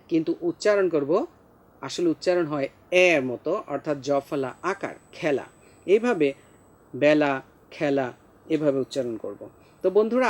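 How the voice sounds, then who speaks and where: A man's voice: on the high side, a little mellow. A man teaching a pronunciation lesson to young pupils, drawing out each word for them to repeat. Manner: slow, drawn-out model pronunciations for pupils.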